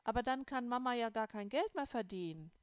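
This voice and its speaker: Brief: anxious small girl in an audiobook, high, loud and pleading, as a woman reader puts her on, dry close sound. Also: animated, a little fast, smooth, dry recording, close to an everyday voice. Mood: upset child. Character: little girl under five, frightened and tearful. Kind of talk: audiobook reading.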